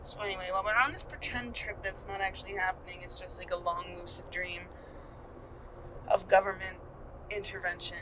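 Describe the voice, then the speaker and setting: A woman's voice: lowish voice, flat delivery, brisk, background noise. A young woman co-hosting a casual father-daughter podcast, telling a road trip story in a chatty, joking way. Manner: chatty, playful, jokey storytelling. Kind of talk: casual chat.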